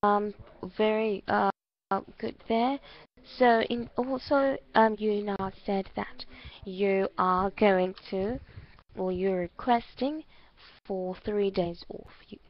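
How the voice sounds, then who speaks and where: A woman's voice: mid-range voice, takes it slowly. A woman teacher giving encouraging spoken feedback in an English lesson, often checking in with "okay?". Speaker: language teacher. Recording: muffled lo-fi online call audio.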